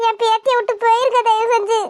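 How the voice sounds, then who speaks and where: A woman's voice: very high-pitched, flat delivery, fast talker, darkish tone. Woman voicing a fussy superstitious village grandmother. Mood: fretful. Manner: scolding, fretful, nagging. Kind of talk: cartoon voice acting.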